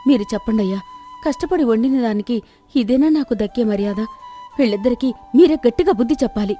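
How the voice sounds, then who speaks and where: A woman's voice: a little high, animated, fast talker, dark tone, soft background music, close to an everyday voice. A woman voicing a scolding young village wife defending her cooking in a storybook tale. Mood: defiant. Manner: scolding and defiant. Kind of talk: storybook voice acting.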